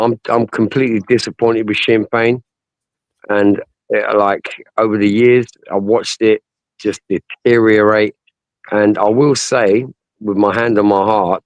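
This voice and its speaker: A man's voice: fairly low pitch, no room sound, rough recording. A man in his sixties from Ireland and southeast England, talking bluntly and swearing a lot on a live video panel. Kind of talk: heated live panel chat.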